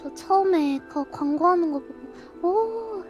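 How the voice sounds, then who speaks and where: Very high-pitched, cute anime-style young woman streamer. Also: unhurried, darkish tone, faint music behind. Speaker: live streamer signing off. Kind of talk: casual chat to stream viewers.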